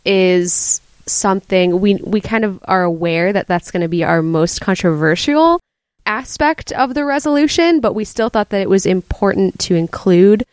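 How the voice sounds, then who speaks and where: A woman guest on a podcast who explains her team's work in an earnest, steady way. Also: mid-range voice, moderate pace, clean tone, dry recording. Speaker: guest, resource team member. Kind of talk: casual podcast discussion.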